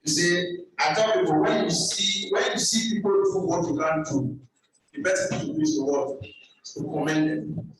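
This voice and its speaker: A man's voice: a little high, steady tone, normal speed, slight background noise. A man moderating an online presentation, thanking the speaker and chatting with anecdotes. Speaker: event moderator. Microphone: video call. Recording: echoey room audio from far off the mic.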